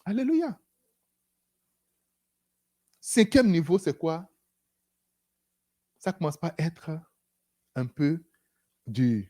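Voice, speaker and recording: A preacher giving an animated sermon, breaking it up with frequent hallelujahs and acted-out exchanges. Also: medium pitch, very slow, long pauses. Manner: animated, repeats "Alléluia", acts out dialogues.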